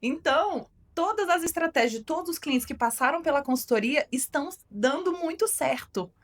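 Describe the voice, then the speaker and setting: A woman speaks as a guest in a casual interview. Her voice is fairly high, and she talks with emphasis and enthusiasm. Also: lively intonation, moderate pace. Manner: emphatic, enthusiastic about results. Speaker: guest, marketing consultant.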